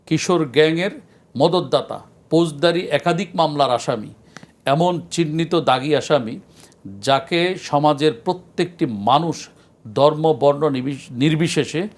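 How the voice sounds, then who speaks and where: A man, a scholar guest on a religious talk show, speaking in an earnest, measured lecturing way with frequent pauses. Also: on the high side. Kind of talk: studio discussion on a religious show.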